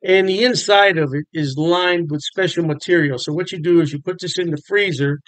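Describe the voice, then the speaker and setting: A man's voice: fairly high pitch, brisk, fairly bright tone, no room sound, rough recording. An older American man chatting to the camera about beer from his home bar room, folksy and enthusiastic. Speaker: beer vlogger. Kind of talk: casual talk to camera.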